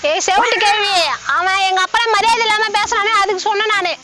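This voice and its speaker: Fast-talking sassy high-voiced woman. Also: steady tone, noisy background. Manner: sassy, quarrelsome, fast retorts. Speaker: comedy sketch actor, daughter character. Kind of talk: Tamil village comedy sketch.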